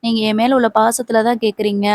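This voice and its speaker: A woman's voice: on the high side, little pitch movement, quick pace, a little mellow, natural voice. Lady reading out a crying young wife, bitter and sad, no room echo. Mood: sorrowful. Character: young married woman, tearful and bitter.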